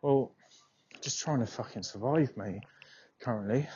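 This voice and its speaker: Walking outdoors, a podcast host with a cold-blocked nose rambles casually to himself, swearing and being self-deprecating. His medium-pitched voice is mellow and measured, caught on a muffled outdoor recording with faint noise.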